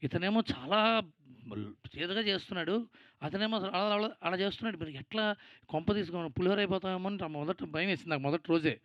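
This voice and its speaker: Telugu-accented man giving a stage speech at an event, slightly high voice, thanks cast and crew, rambles and teases. Dry, dull mic sound. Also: lively intonation, fast, no room sound.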